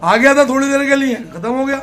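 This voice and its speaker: An older man answers interview questions in a plain, emphatic way, often saying a point twice. His voice sits high for a man. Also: lively intonation, fairly quick, a bit bright, slight background noise. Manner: plain-spoken, emphatic, repeats himself. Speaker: political candidate.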